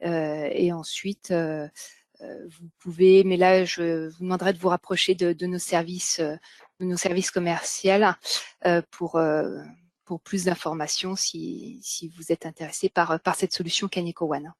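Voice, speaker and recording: A woman's voice: lowish voice, level tone, measured pace, a little mellow, no room sound. A woman presenting product pricing in a company webinar over a web call, with many fillers and repeated words. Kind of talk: sales information in a webinar.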